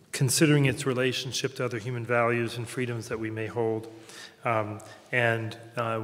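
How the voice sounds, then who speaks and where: A man with a Southern American accent giving a formal introduction at a campus lecture, halting often with fillers and restarts. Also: medium pitch. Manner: hesitant, many fillers and restarts. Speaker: host introducing a speaker. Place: university lecture room. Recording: reverberant lecture hall.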